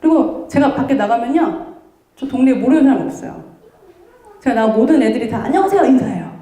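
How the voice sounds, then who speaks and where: Animated high-voiced woman in an echoey room. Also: a little fast. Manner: animated, acts out her own past remarks in voices. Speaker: lecturer. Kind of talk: lively lecture with personal stories.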